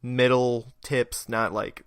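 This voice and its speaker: A man's voice: medium pitch, fairly even intonation, slow pace, a bit bright, clear, resonant tone, no echo, clean studio sound. A young man hosting a podcast, telling a rambling story in a casual way, laughing and swearing now and then. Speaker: podcast host.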